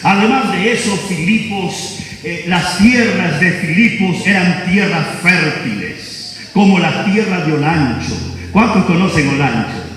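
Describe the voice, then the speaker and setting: A man with a Honduran accent preaching a sermon, rising into shouts and questioning the congregation. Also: high-pitched, lively intonation, unhurried, few pauses. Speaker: pastor. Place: church hall. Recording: echoey church hall from far off, music behind.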